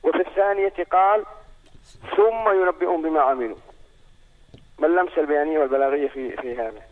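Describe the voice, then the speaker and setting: A man from Saudi Arabia calling in by phone, asking a formal, courteous question and reciting verses in a measured way. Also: on the high side. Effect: heard over a phone line. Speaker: phone-in caller.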